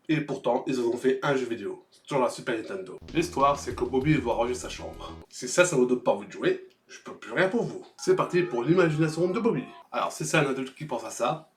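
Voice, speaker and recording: Animated and fairly quick, with few pauses, a man of medium pitch rattles through humorous scripted narration as host of a retro video game review show, sarcastic and crude. There's a roomy echo and music behind him.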